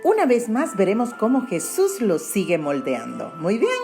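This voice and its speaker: A woman teaching a Bible lesson to children, telling the story with animated questions to the kids. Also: mid-range voice, normal speed, creaky, music in the background.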